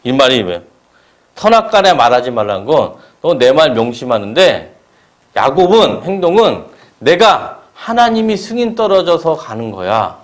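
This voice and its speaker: Lively Korean male preacher. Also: medium pitch, normal speed. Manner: asks the congregation question-and-answer pairs. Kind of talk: sermon. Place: church service.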